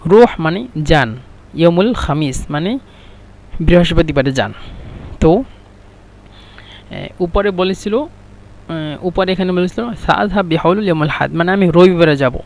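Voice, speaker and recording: A man with a Bangladeshi Bengali accent teaching an Arabic lesson, repeating phrases slowly to drill them. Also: fairly high pitch, lively intonation, gravelly. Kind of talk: explaining a language lesson.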